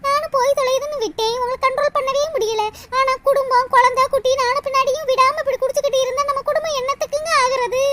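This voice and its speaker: A woman's voice: extremely high pitch, steady tone, fast talker, hardly any pauses, pushed and bright, slight background noise. A woman voicing a worn-down young wife in a cartoon, lamenting and reproachful. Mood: pleading. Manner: lamenting and reproachful, often tearful. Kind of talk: cartoon voice acting.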